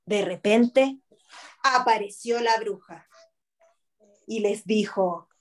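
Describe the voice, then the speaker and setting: A woman's voice: medium pitch, takes it slowly. A woman teaching kindergarten online, telling a story expressively and asking the children questions over a video call.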